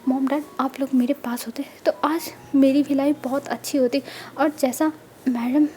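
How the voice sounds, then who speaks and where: A woman voicing a sad, gentle young orphan man. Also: high-pitched, fairly even intonation, moderate pace, slight background noise, close to an everyday voice. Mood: tearful.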